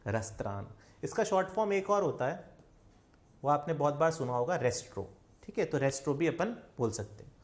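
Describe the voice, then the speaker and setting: A man's voice: fairly high pitch, expressive, a little fast. A young man from India with an Indian accent, teaching an online spoken English lesson and quizzing viewers with repeated questions.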